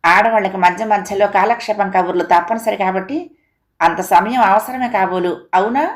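A woman's voice: mid-range voice, normal speed, lightly acted. A woman voicing an exasperated middle-aged husband in an audio story, asking blunt, impatient questions. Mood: teasing.

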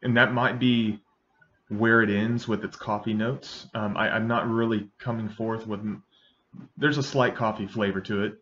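Low-voiced man talking around a pipe. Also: fairly even intonation, fairly bright tone. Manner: halting, hesitant delivery. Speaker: pipe tobacco reviewer. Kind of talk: casual review to camera. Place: small indoor room with bookshelves. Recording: dull webcam sound with faint noise.

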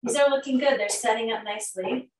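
Fairly high-pitched and fairly quick, a middle-aged woman talks her way through a live home cooking class, upbeat and filler-heavy as she hurries and moves around the stove. She's a nutrition educator, captured by a laptop or fixed camera across the kitchen. The sound is roomy and distant, with a noisy background.

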